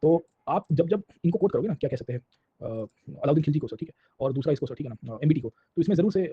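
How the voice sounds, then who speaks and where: A man teaches a history class at a very fast clip, his voice husky and a little high. He keeps asking whether the students have understood and peppers his talk with "sir". The recording is muffled and lo-fi. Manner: mixes Hindi and English, asks "samjhe?" and "sir" constantly. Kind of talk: classroom lecture.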